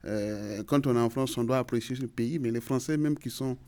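Man, mellow voice, challenger in a group debate. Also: medium pitch, moderate pace. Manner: challenging, questioning. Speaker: discussion participant. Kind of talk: casual group discussion.

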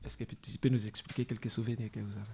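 A man from Kinshasa, asking measured, halting interview questions. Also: lowish voice, little pitch movement, creaky, darkish tone, breathy edge. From DR Congo, Kinshasa. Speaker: interviewer in a radio workshop.

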